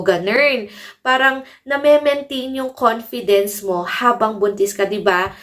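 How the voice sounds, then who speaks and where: A woman vlogger giving pregnancy tips in a chatty way, often calling her viewers "mommies.". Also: medium pitch. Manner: chatty, addresses viewers as mommies, mixes English in. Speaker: parenting vlogger. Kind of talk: casual advice vlog.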